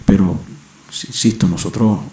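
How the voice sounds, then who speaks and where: A man's voice: low-pitched, fairly even intonation, moderate pace, mellow, echoey room. A man from Venezuela with a Venezuelan accent, rambling slangily with profanity and restarts in a casual monologue as a podcast host on a home microphone. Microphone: home microphone setup.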